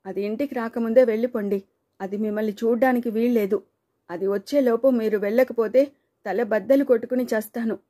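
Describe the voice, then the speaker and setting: A woman's voice: a little high, fairly even intonation, moderate pace, mellow, pitched above the performer's own voice, natural voice. A woman voicing a distraught middle-aged mother who cries and pleads in anguished outbursts. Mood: anguished, shouting.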